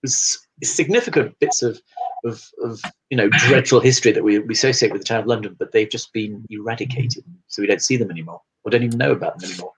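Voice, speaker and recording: A man's voice: medium pitch, quick pace, a bit bright, slight background noise, rough recording. A man hosting a live chat over a video call, asking rambling questions full of fillers. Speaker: host. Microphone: video call webcam.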